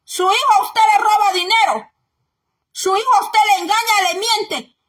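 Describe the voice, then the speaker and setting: A woman's voice: very high-pitched, moderate pace, a bit bright. A woman preaching a sermon with emphatic, scolding exhortation, often raising her voice and repeating phrases for emphasis.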